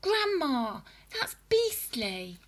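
A woman's voice: sits high, very animated, drawn-out words, a little hiss or hum, pitched above the performer's own voice, exaggerated voice. A woman voicing a frightened small boy who cries out in an upset, pleading way.

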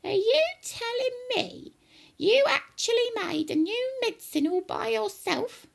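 A woman voicing a bossy, scornful old grandma in a children's storybook, shouting and sneering. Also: very high-pitched, wildly swooping pitch, measured pace, vocal fry, pitched above the performer's own voice, heavily acted. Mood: suspicious. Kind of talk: children's storybook character reading.

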